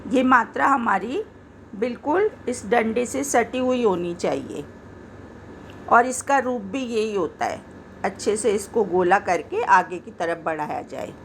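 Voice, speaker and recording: A woman teaching Hindi spelling, slowly and patiently saying each example word again to show how it sounds. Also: fairly high pitch, animated, fairly bright tone, slight background noise. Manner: slow, patient, repeats words to show pronunciation. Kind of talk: explaining grammar to learners.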